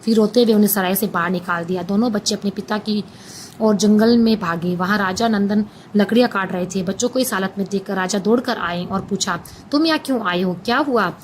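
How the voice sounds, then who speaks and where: A woman tells a devotional folk tale in a steady, measured way. Her voice sits at a middle pitch, with a faint noise underneath. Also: rough recording. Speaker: storyteller.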